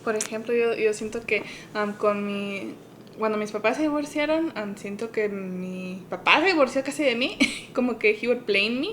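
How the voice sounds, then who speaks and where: Bilingual woman co-host, storytelling with a slightly high voice over a faint rumble. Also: moderate pace. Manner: switches between English and Spanish mid-sentence; rises high and loud when quoting her parents. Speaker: podcast co-host. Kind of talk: casual personal storytelling.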